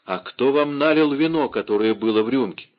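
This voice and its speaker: A man reading a stern, brooding musketeer in an audiobook, hoarse and restrained. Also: medium pitch, fairly quick, pitched above the performer's own voice, natural voice. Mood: grim. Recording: dull lo-fi audiobook recording.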